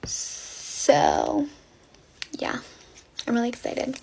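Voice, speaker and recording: A young woman telling a get-ready-with-me storytime while doing her makeup, gushing and filling every pause with "like". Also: fairly high pitch, wildly swooping pitch, gravelly, background noise. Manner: gushing, filler-heavy valley-girl chatter.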